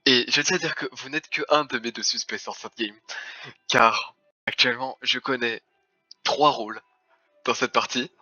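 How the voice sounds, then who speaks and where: A man's voice: mid-range voice, fairly even intonation, normal speed, long pauses, sharp tone, no echo, soft background music. A man playing a social deduction game, making a theatrical, formal accusation speech with stumbling restarts. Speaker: werewolf game player. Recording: dry, dull lo-fi voice chat.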